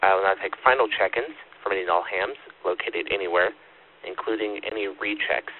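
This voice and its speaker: A man running an amateur radio net as net control, acknowledging stations in a formal, methodical way over a static-laden radio transmission with a loud buzz. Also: low voice, brisk, phone-quality sound.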